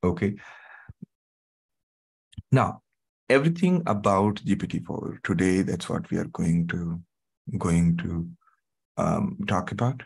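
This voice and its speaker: Slow and gravelly, pausing often, a middle-aged Indian English speaker hosts a live tech webinar in a soothing, conversational style peppered with "okay" and "right." His low voice is a little mellow with a breathy edge, and the recording quality is low.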